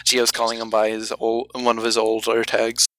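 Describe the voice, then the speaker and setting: A man's voice: mid-range voice, monotone, moderate pace, a bit bright, dry recording, rough recording. A man hosting a podcast and narrating a guild story as game master, hesitant and full of ums. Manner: hesitant, lots of ums and uhs.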